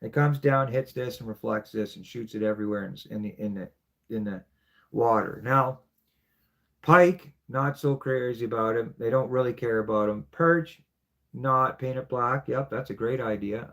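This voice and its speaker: A man's voice: medium pitch, moderate pace, gravelly, fairly bright tone. A middle-aged man, casually explaining his fishing gear and rambling on, often tagging lines with "right?". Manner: chatty, rambling, keeps asking "right?". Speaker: fishing channel host. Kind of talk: casual show-and-tell explanation.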